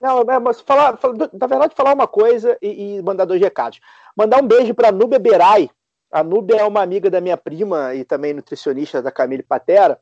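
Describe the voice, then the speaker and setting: A man co-hosts a podcast in casual chat, out of breath and enthusiastic, halting on fillers. His voice is high and mellow. The sound is dry, close and dull. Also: dry recording. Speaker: podcast co-host.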